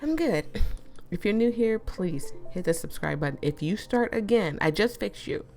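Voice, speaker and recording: A woman's voice: fairly low pitch, expressive, moderate pace, vocal fry, darkish tone, soft background music. A woman with a cold and a swollen, congested throat, chatting casually and playfully as she hosts a story read-aloud. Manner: playful, self-interrupting, teasing the audience. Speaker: host reading a story aloud.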